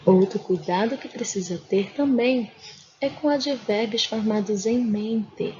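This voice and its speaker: A woman from Brazil, a Spanish teacher, giving a recorded grammar lesson with slow, careful explanations and examples. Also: mid-range voice, a little mellow. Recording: dull lo-fi recording with faint noise.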